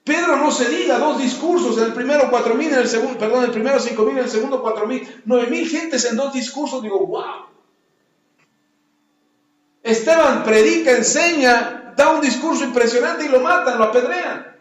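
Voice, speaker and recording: A man preaching a sermon as a pastor, swinging from loud emphasis down to soft, low lines. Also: normal speed. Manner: emphatic preaching, rising loud on key words then dropping low and soft. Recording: echoey, dull lo-fi sound.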